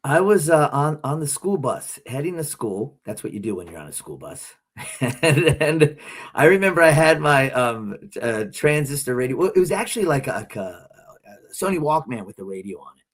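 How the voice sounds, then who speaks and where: Animated middle-aged male podcast storyteller. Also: medium pitch, moderate pace, husky. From Philadelphia area, United States. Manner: animated storyteller, acts out quotes. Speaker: podcast co-host. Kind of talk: casual chat.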